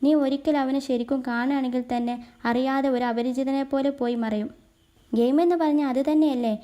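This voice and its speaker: High-voiced woman narrating a drama recap. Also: steady tone, normal speed, warm tone. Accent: Malayali. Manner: retells scenes, quoting characters in her own voice. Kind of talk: casual storytelling recap.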